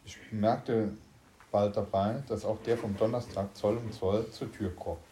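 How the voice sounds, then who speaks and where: A man's voice: on the low side, fairly even intonation, measured pace, dark tone, roomy sound, a little hiss or hum. A man reading a science fiction story aloud in German, unpolished, with slips and restarts. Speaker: story reader.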